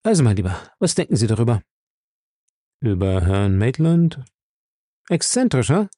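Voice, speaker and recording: A man's voice: mid-range voice, big pitch swings, moderate pace, warm tone, dry recording, studio quality. A man reading aloud, voicing a cheerful, sly American private detective in a raised, teasing voice. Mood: breezy.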